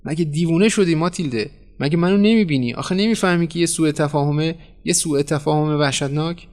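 A man's voice: fairly high pitch, lightly acted. A man playing an indignant painter who rants about his false obituary. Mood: outraged. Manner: outraged, shouting. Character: furious indignant middle-aged male painter.

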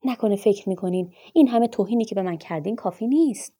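Raging bitter doctor guy, woman doing him, shouts it all out, husky voice. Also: medium pitch, expressive. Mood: furious, shouting. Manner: shouting angry tirades. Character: furious grieving male doctor, bitter and proud.

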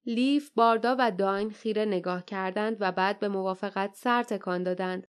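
A woman's voice: mid-range voice, smooth. A woman narrating an audiobook adventure story, reading the narration in formal literary prose. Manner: reads dialogue in plain colloquial speech with narration in formal literary prose.

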